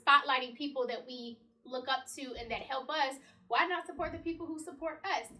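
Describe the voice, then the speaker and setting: A young woman co-hosting a casual chat, bubbly and animated. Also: high voice, a little fast. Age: young adult. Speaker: co-host.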